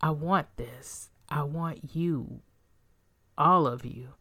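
A woman reading as an intense grown man, slow and low. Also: a bit bright, breathy edge, no room sound, heavily acted. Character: adult man, a lover, intense and direct.

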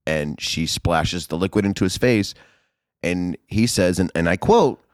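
A man hosting a podcast, telling a story in an animated, profane, chatty way. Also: deep voice, a little slow, no echo, studio quality. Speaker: podcast host. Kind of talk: casual podcast chat.

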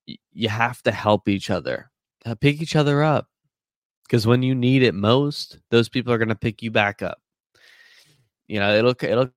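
A man's voice: on the low side, no room sound. A man with a stuffy nose hosting a casual motivational podcast, talking earnestly in a rambling way with lots of fillers. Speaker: podcast host.

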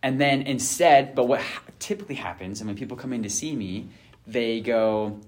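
A man's voice: mid-range voice, normal speed. A man hosting a casual discussion as a therapist, earnest and full of fillers and restarts. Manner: earnest, many fillers and restarts, acts out couples' voices. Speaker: host and therapist.

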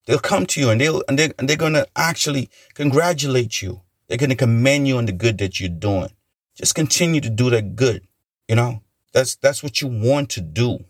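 A man's voice: mid-range voice, moderate pace, dry recording, studio quality. A man giving an earnest, rambling motivational talk, often repeating himself and leaning on "you know" as he encourages listeners. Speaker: motivational speaker.

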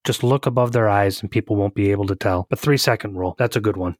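A podcast co-host chats casually in a fast, lowish voice, rambling loosely with restarts and laughing often. The audio is studio quality with no room sound.

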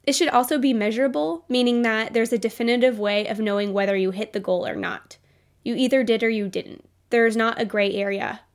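A woman's voice: fairly high pitch, fairly quick. A young adult woman hosting a solo business podcast, upbeat and motivational, her voice nasal from a cold. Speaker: podcast host.

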